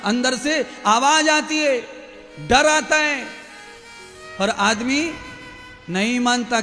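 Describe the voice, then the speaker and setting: A man giving a devotional discourse as a spiritual preacher, telling a story in an animated way and acting out the voices of the people in it. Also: very high voice. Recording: long reverb with faint music.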